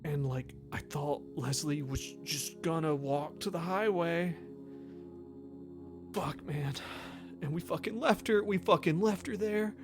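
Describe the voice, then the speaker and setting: Over faint music, a man plays a guilt-ridden young man in a tabletop game, his voice raised fairly high, above his natural pitch. In tearful panic, he stammers out halting, slangy, swear-filled bursts as if under questioning.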